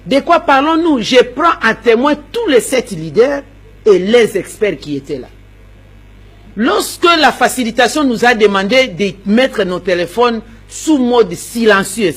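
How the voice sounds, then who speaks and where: An opposition politician from the Democratic Republic of the Congo answers interview questions emphatically, repeating herself and stammering as she searches for words. Her voice is rather high and husky.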